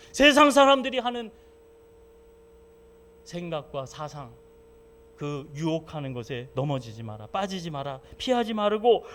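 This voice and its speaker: A male pastor preaching a sermon who moves between loud fervent exhortation and relaxed, chatty storytelling. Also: mid-range voice, a little hiss or hum. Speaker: senior pastor.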